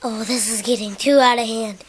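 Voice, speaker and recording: A child joining a toy play-acting skit, bossy and excitable, calling out commands. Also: mid-range voice, fairly quick. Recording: very noisy home video recording.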